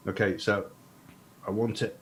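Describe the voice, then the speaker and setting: A man playing in a tabletop game, thinking out loud through spell rules and his moves. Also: on the low side, flat delivery, normal speed, a little hiss or hum. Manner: checks rules and plans spell moves aloud. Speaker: player.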